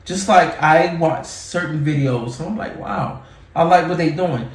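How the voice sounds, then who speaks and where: A man in his forties, a YouTuber, speaks candidly to camera with casual advice, repeating himself and filling pauses conversationally. His voice is on the high side and unhurried, recorded from afar with roomy acoustics.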